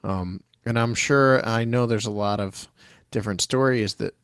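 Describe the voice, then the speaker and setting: A man chats casually on a podcast in a fairly low voice. He sounds skeptical and stumbles over words as he goes. The recording is dry and close. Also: moderate pace, a bit bright, clean tone, no echo. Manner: hesitant, many restarts, skeptical. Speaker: podcast co-host. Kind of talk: casual chat.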